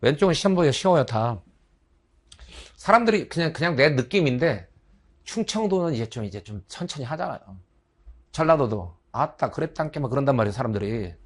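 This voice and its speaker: A man's voice: medium pitch, very animated, a little fast. A middle-aged man giving a lecture to exam students, chatty and joking, slipping into slang and acting out little dialogues. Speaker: biology instructor for transfer exam prep. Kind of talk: lecture with casual asides.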